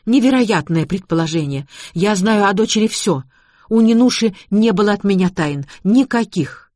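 A man doing a shrill indignant old mother. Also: animated, moderate pace, no echo, clean studio sound. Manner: loud, insistent, denying.

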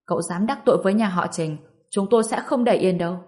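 A man's voice: high voice, brisk, bright, forceful tone. A woman reading the part of a haughty old male swordsman in a storybook, cold and threatening.

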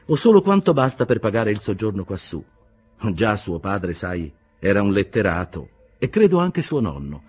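Man doing an earnest young man, matter-of-fact, measured, husky. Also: lowish voice, big pitch swings, darkish tone. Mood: sober.

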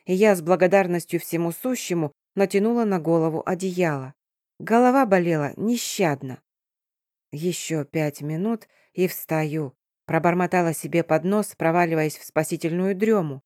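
A young woman reads a first-person audiobook with a lowish, mellow voice. The sound is dry and close to the mic, and her telling stays expressive, sinking softly for whispers and thoughts. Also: no room sound. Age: young adult. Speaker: audiobook narrator.

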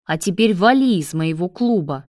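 A woman voicing a jealous, furious man who rages and shouts crude insults at his lover. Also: on the low side, lively intonation, normal speed, dry recording, clean studio sound, lightly acted. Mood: cold.

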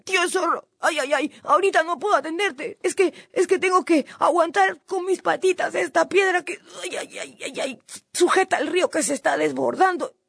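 A woman's voice: extremely high pitch, normal speed, vocal fry, fairly bright tone, dry recording, studio quality, voice pushed up, heavily acted. A woman voicing a sly little male guinea pig who whines and fakes strain to trick a fox in a spoken story. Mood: whimpering. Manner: whiny, feigning strain and panic. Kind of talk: storytelling radio play.

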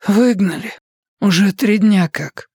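A man voicing a sick, sullen young woman who speaks hoarsely and mutters despondently. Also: sits high, slow, dark tone, dry recording, studio quality, pitched above the performer's own voice, exaggerated voice. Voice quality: hoarse, sniffling.

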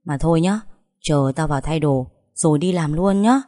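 A woman voicing a loud, teasing young female friend in a read-aloud story. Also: low voice, moderate pace, natural voice. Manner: loud, chatty.

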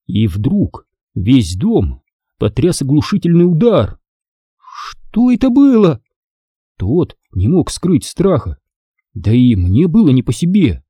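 Warm, expressive man reading a story. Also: mid-range voice, a little slow, breathy edge, no echo, studio quality. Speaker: audiobook narrator. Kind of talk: storybook narration.

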